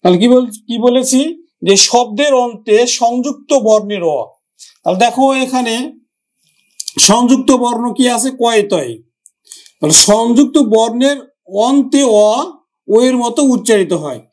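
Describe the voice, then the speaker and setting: A man with a Bangladeshi Bengali accent teaching a grammar lesson for exam preparation, slowly repeating words and their pronunciations. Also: very high-pitched, darkish tone. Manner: slow, drawn-out repetition of words.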